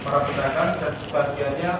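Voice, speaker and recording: A man's voice: on the high side, fairly even intonation, fairly quick, background noise. A male student reading a passage aloud in class and translating it. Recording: distant echoey muffled room recording.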